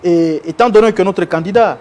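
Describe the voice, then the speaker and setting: A man from Congo, a guest in a televised interview, speaking in formal, measured phrases and often repeating himself. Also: high voice, a little mellow. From Congo (DRC).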